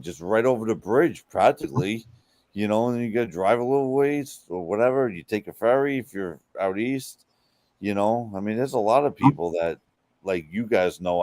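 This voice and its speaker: A man's voice: on the low side, mellow, no echo. A man in casual chat, blunt and given to rambling.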